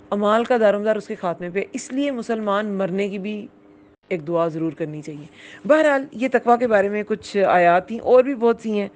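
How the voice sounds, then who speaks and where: A woman's voice: medium pitch, a little mellow. A woman giving a religious lesson, explaining patiently and often asking her listeners whether they understood. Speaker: Quran teacher. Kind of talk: Urdu religious lesson with English words.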